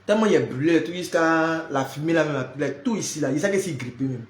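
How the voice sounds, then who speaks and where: A man hosts a live stream from home, chatting loosely and greeting each viewer by name. His voice sits fairly high for a man. The room around him rings with a noticeable echo. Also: expressive, fast talker. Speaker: live-stream prayer host. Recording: roomy echo.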